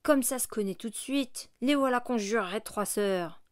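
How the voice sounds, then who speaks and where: A woman reading aloud as a coarse, calculating innkeeper's wife who exclaims loudly. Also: a little high, moderate pace, no room sound, studio quality, close to an everyday voice. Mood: chatty.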